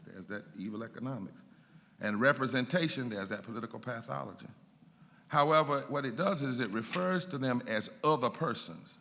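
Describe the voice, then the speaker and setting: A man, a pastor, giving a lecture in a church, emphatic and rising in pitch on key points. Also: a bit bright. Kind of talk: lecture with a preaching cadence. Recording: long church reverb.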